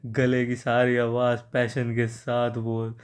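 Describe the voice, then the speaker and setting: A man's voice: mid-range voice, monotone, takes it slowly, clean tone, close to an everyday voice. A man voicing a sarcastic, bullying young male hero in a story recap, barking crude commands. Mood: bossy.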